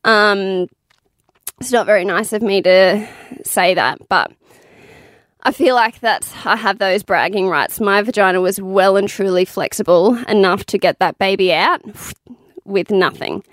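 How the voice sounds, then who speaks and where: A woman's voice: medium pitch, measured pace, no room sound, clean studio sound. A young woman, a new mother, telling her birth stories in casual, frank talk, swearing freely and laughing now and then. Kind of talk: candid casual storytelling.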